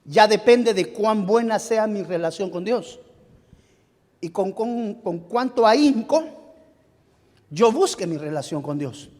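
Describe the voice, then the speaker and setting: High-voiced preacher in a reverberant church. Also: male voice, expressive, a little mellow. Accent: Guatemalan Spanish. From Guatemala. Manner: halting, searches aloud for words and restarts phrases; addresses listeners directly as beloved brother. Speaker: pastor. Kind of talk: sermon. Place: church sanctuary. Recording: long reverb of a church hall.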